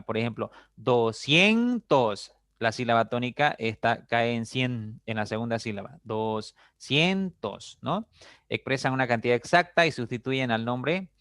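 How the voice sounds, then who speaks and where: A man's voice: mid-range voice, fairly bright tone, no echo. Guy teaching a grammar class, patient, keeps asking "ya?", dry close mic. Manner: explains patiently, checks in with frequent "¿ya?" and "¿no?", repeats examples. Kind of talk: recorded grammar lesson.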